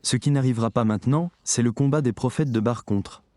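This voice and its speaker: A man delivers a sermon with emphasis, addressing the listeners head-on. His voice is dark and mellow, recorded dry and close with no room sound. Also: medium pitch, brisk, no echo. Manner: emphatic, addresses the audience directly. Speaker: preacher.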